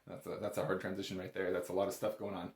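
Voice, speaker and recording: A bagpipe instructor gives a casual music lesson step by step, informal, reassuring and encouraging. His voice sits low with a completely flat delivery, he talks at a racing pace, and the sound is roomy.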